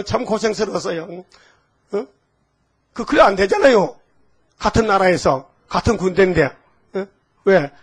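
Gravelly high-voiced older preacher. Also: male voice. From Gyeongsang province, Korea. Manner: folksy and storytelling, quizzes the congregation and leads call-and-repeat reading. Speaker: pastor. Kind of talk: sermon.

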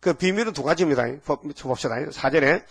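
A man's voice: on the high side, animated, fairly quick, slightly rough. A male pastor preaching a sermon in a folksy way, often asking the congregation short rhetorical questions.

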